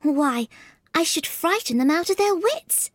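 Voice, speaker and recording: Woman doing a prim little girl from a storybook, high voice, really expressive, earnest and confused, dry sound. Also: measured pace, no room sound. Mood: puzzled musing. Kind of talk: dramatized storybook reading.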